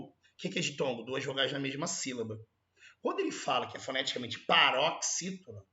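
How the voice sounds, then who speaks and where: A man with a Brazilian Portuguese accent teaching an exam correction lesson, animated and emphatic, stretching out sounds to show them. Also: a little high, reverberant, highs cut off.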